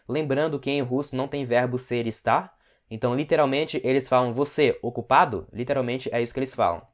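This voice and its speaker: A man teaching an online language lesson. He explains patiently, checks in often with his listeners, and slows down to model each word. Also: medium pitch.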